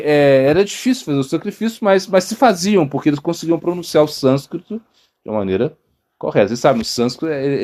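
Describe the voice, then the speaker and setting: A man with a Brazilian Portuguese accent, a monk giving an informal devotional talk, halting often with fillers and tag questions. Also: medium pitch, darkish tone. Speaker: monk teaching a devotional lecture.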